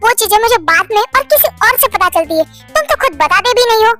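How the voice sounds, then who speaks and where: A woman's voice: very high voice, lively intonation, a little fast, pushed and bright, soft background music, full character voice. A woman voicing a reproachful young man complaining to his brother. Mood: sulky. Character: sulking young man, the older brother's sibling.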